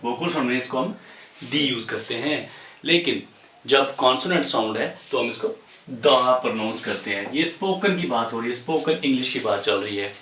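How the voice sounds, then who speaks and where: A man from India gives a classroom English grammar lesson, talking slowly and pausing often with fillers, with English terms worked into his speech. He is recorded from a distance, and the voice rings with the room's echo. A faint room ambience sits behind him. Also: medium pitch, fairly bright tone, a little hiss or hum. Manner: explains slowly with many pauses and fillers, mixing English terms into Hindi. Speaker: English teacher.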